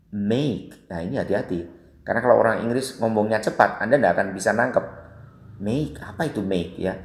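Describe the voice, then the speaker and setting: A man with an Indonesian accent teaching English, explaining patiently and repeating example phrases slowly. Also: fairly low pitch, reverberant. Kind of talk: explanatory lesson.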